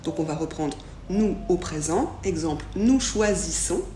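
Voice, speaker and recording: A woman gives a French lesson at a very slow, deliberate pace, with a slightly low voice. She pronounces each example clearly. The room is echoey and has a faint hiss behind her. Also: expressive, dark tone. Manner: slow, clearly articulated model pronunciations. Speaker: French teacher. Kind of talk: language lesson.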